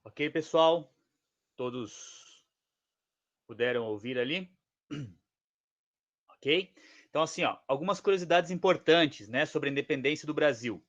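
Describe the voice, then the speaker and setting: A male history teacher explains things casually to his class. He keeps checking in with short tag questions. His voice sits a bit high, and the recording sounds dull and lo-fi. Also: unhurried, long pauses, a bit bright.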